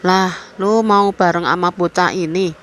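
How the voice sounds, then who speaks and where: Kernet bus yang lantang dan kasar, diperankan seorang perempuan. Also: female voice, on the low side, steady tone, measured pace, fairly bright tone, a little hiss or hum. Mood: brash. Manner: rough slangy street talk. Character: loud brash male bus conductor.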